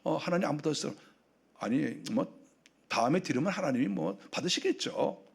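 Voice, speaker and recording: A male preacher playing a mild younger brother who talks plainly and casually. The voice sits a little high and easy, told as part of a retold story. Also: expressive, brisk, creaky, husky, exaggerated voice.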